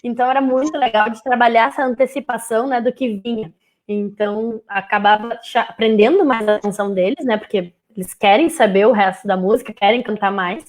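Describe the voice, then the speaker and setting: A woman's voice: on the high side, fairly quick. A young woman, a music teacher chatting casually in a live stream, now and then singing short playful bits of children's songs. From southern Brazil. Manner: lively, sings short playful phrases to show children's songs. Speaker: music teacher and speech therapist guest.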